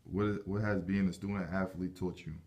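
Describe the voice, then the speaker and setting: A man's voice: low voice, flat delivery, a little fast, darkish tone. A man reading out prepared questions as an interviewer.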